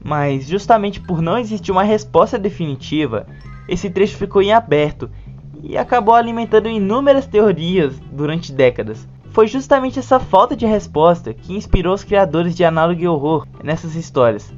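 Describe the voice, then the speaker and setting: Over background music, a narrator with a Brazilian Portuguese accent presents a scripted video essay with casual moments. The voice is medium-pitched, animated and a little mellow, moving at normal speed. The sound quality is dull and lo-fi.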